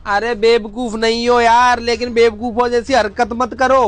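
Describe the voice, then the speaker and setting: A man acting as a husband in a family skit, trying to calm and placate his wife. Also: extremely high pitch, moderate pace, soft background music. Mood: placating. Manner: placating, dismissive. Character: husband pulling a prank, soothing his angry wife.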